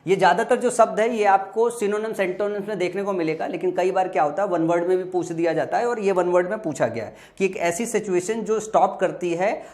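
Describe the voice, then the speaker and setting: A man's voice: sits high, brisk, hardly any pauses, darkish tone. A young man teaching an exam-prep vocabulary lesson, explaining patiently and asking and answering his own questions. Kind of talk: exam-prep lesson, Hindi mixed with English.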